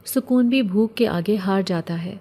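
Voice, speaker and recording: A lonely young orphan girl, played by a woman reading a horror storybook, soft and plaintive in every line. Her voice sits mellow and warm, at an ordinary woman's pitch. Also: lightly acted. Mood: wistful.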